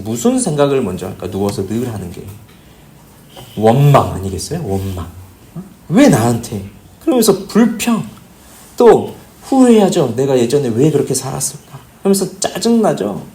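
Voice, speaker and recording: Lively preaching man in an echoey hall. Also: normal speed. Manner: questions the congregation often, pitch rising and falling. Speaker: pastor. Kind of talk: sermon. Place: church sanctuary.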